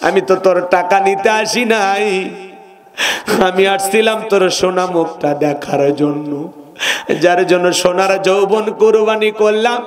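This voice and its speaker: Old grieving mother, a man voicing her, wailing, melodic, high-pitched. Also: moderate pace, natural voice. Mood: heartbroken. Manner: sung, wailing lament. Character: poor widowed mother, older woman, heartbroken.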